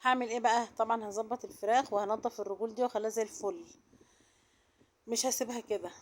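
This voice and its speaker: A woman with an Egyptian Arabic accent and a soft, low-volume voice, chatting directly to viewers in a casual vlog. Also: fairly even intonation, racing, slight background noise. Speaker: vlogger.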